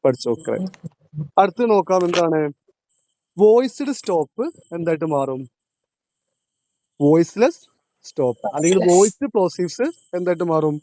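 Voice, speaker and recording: A male teacher, lecturing in a classroom, quizzing his students and repeating each point, slowing down on key terms. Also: high voice, lively intonation, warm tone, no echo.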